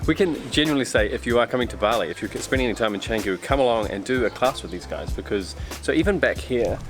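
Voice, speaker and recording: A young man in casual vlog chat, relaxed and chatty, talking while tasting food. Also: on the low side, quick pace, over music. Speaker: travel vlogger.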